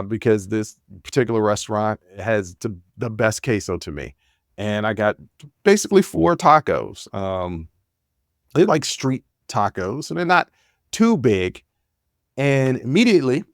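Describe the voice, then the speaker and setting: A fairly low-pitched man in his forties hosts a podcast from Washington, D.C., delivering a casual solo monologue. He's candid and laid-back, wandering along with plenty of fillers and restarts, recorded in studio quality with no echo.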